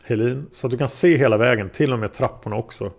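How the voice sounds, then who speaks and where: A man's voice: mid-range voice, vocal fry. A man voicing a male prosecutor who questions a witness step by step, in a methodical way. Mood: probing.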